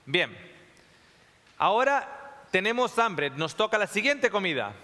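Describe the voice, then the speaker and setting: Male lecturer, high, sharp voice, keeps checking in with the audience; long hall reverb. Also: big pitch swings, slow pace. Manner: checks in often with the audience, repeats phrases. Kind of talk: classroom talk to a live audience.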